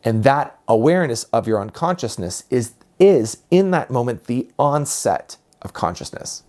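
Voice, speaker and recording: A man of ordinary, mid-range pitch talks through spiritual ideas in a calm, reflective way. He takes his time and circles back over phrases for emphasis, like a teacher guiding his listeners. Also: moderate pace.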